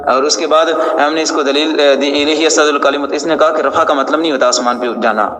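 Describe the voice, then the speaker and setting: A man's voice: fairly high pitch, steady tone, background noise. A man, an Islamic scholar, giving a scornful, scolding polemical religious speech. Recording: echoey hall with long reverb.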